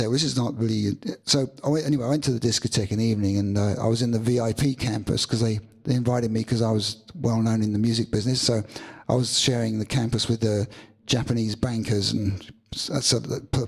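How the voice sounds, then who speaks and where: Gravelly man telling a reflective story. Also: medium pitch. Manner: halting, many restarts and fillers. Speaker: musician guest being interviewed. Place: studio session in front of a live audience.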